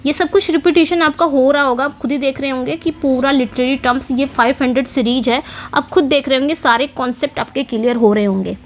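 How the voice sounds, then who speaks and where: A woman teaching English literature for exam preparation, explaining in Hindi mixed with English terms, often asking quiz questions and repeating the key points. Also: high-pitched. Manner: reads English question text slowly. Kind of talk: exam-prep lecture.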